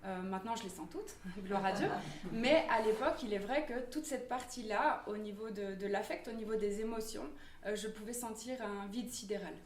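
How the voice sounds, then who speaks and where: A woman's voice: medium pitch, moderate pace. Hesitant woman, echoey and distant. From Normandy, France. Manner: hesitant, many fillers and restarts. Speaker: church member giving testimony. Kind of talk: personal testimony in church. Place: church hall. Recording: echoey room from far off.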